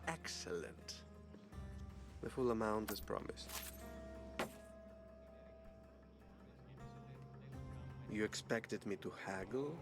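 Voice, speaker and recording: An actor playing a smug, theatrical, sinister villain in a video game, with a mocking, unhinged drawl. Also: male voice, lowish voice, animated, unhurried, over music. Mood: smug, taunting.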